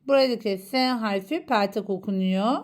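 A woman teaching a Quran reading lesson, slowly and patiently sounding out letters one by one. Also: mid-range voice. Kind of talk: slow recitation lesson.

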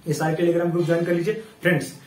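A man with a high, light voice runs a casual reasoning class. He sits off the mic in an echoey room and keeps asking questions, then answers them himself. He tallies numbers aloud in quick bursts and sounds a little worn out from an illness he is still getting over. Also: flat delivery, darkish tone, far from the mic. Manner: counts sums aloud in quick running tallies. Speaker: online exam tutor.

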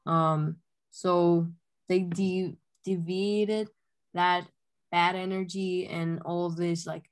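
Speaking slowly and smoothly in a lowish, flat voice, a young Honduran woman who works as a youth climate activist earnestly recounts her story. She's on a laptop webcam video call from her bedroom at home, and her casual account is full of "um"s and "like"s.

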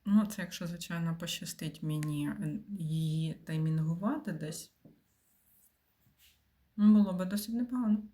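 A woman's voice: on the low side, normal speed, warm tone. A woman giving casual commentary while playing a puzzle game, thinking aloud and often dropping to a mutter or whisper. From Ukraine. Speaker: game streamer.

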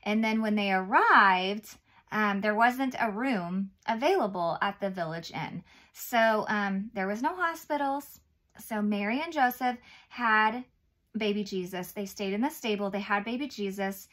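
A woman's voice: mid-range voice, measured pace, fairly bright tone. A woman in her thirties reading and explaining a Bible lesson to young children in simple, encouraging words, as if reading to a toddler. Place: small indoor room, seated at a table.

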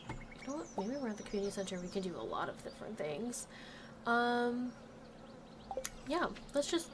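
A woman's fairly high voice, slightly nasal because she's recovering from a cold, comes through a noisy background with game music. She hosts a gaming channel and is doing relaxed let's play commentary, talking to the game characters as she plays.

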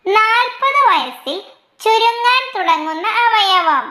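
A woman reading out quiz questions, their options and the answers in a slow, measured way, dropping her pitch for each list of options. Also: expressive, bright, forceful tone, reverberant. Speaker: quiz reader.

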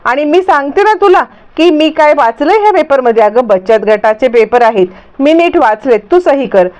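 A woman's voice: sits high, animated, a little mellow. A woman reading the lines of a cunning middle-aged woman who coaxes and hurries someone along. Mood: coaxing. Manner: coaxing, hurried. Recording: dull lo-fi recording.

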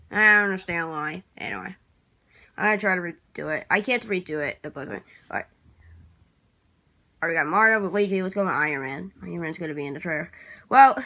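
A woman vlogging casually in a hesitant, rambling way, restarting her words, clearing her throat and apologizing often. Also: fairly low pitch, sharp tone. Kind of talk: casual vlog talk while working at a computer.

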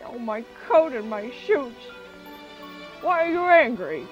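An actor voicing a flustered, panicky neighbour who stammers and exclaims. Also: female voice, a little high, big pitch swings, slow, dull audio, faint music behind.

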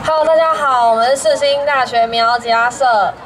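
A woman's voice: high voice, brisk, a crowd in the background, background noise. A young woman with a Taiwanese accent making a live announcement as a student club publicity officer. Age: young adult. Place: outdoor evening festival stage. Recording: distant outdoor stage sound.

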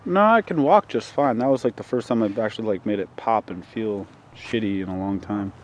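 Brief: relaxed man, lowish voice, noisy outdoor recording. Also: brisk. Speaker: disc golf friend. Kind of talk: casual chat. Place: outdoor disc golf course. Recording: outdoor camera audio with clear background noise.

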